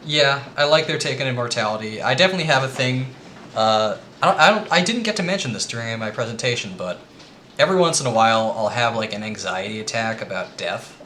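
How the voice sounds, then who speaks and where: A man's voice: mid-range voice, expressive, fast, slight background noise. A man giving a casual, rambling presentation to friends, with lots of ums. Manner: rambling with frequent ums, quietly earnest.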